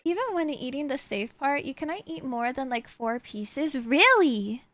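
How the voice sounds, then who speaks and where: High, lively American woman, cute streamer manner. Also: moderate pace. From United States (California). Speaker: streamer reacting to a video. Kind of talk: casual live reaction chat.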